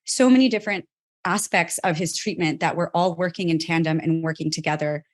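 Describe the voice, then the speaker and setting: A woman from South Texas, a company co-founder, telling her personal story in an interview, earnest and pausing as she restarts on hard memories. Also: fairly low pitch. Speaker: healthtech company co-founder, guest.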